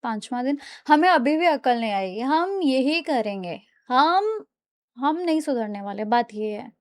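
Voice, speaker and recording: A woman's voice: high voice, animated, measured pace, no room sound. A woman streamer giving reactive, dramatic let's-play commentary, talking to the game character. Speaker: gaming streamer.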